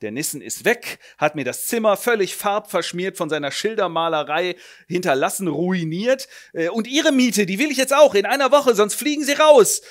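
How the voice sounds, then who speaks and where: A woman's voice: lowish voice, expressive, normal speed, pitched above the performer's own voice, natural voice. A man voicing a nosy, gossiping older landlady who prattles on. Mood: scolding.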